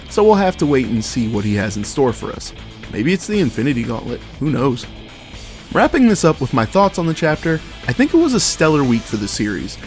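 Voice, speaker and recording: A man delivers scripted review commentary as an online host. He talks like an excited fan, with slang and hyperbole, at a medium pitch. Faint guitar music plays behind his voice.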